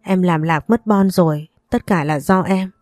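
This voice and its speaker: A frightened, guilt-ridden young woman talks in an anxious, apologetic way, read by a woman narrating a story. Her voice is low and mellow. The sound is dry and close. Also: measured pace, no room sound, lightly acted.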